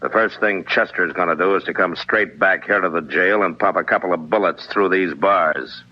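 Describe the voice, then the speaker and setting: Very deep-voiced frontier marshal. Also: male voice, moderate pace. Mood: menacing. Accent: American. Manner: gruff, commanding, dryly sardonic. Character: stern, fearless frontier town marshal, a grown man. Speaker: actor in a western radio drama. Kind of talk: 1950s radio acting. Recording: muffled, noisy 1950s radio recording.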